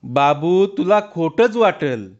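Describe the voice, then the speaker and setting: A man's voice: on the high side, lively intonation, takes it slowly, lo-fi sound. A man voicing a frightened, sickly, thin village man with a weak, faint voice and hesitant, pleading speech. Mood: fearful.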